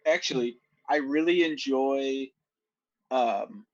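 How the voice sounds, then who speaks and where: A man's voice: medium pitch, slow pace, no room sound. A man co-hosting a podcast in casual chat, making dry wisecracks and swearing casually. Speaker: podcast co-host. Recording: dry dull lo-fi mic.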